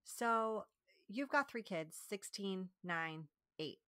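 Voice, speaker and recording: A woman's voice: medium pitch, expressive, takes it slowly, bright, forceful tone, no room sound, studio quality. A woman in her thirties hosting a podcast interview, enthusiastic and affirming as she asks questions. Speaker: podcast host. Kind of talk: casual interview chat.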